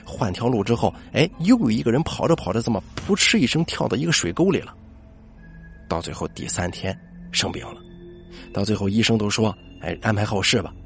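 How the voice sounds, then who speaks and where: A man hosting a late-night podcast, telling listener-submitted ghost stories and dropping his voice low for the eerie moments. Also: fairly quick, faint music behind. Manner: lively storyteller voice, drops low for eerie moments. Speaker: podcast host.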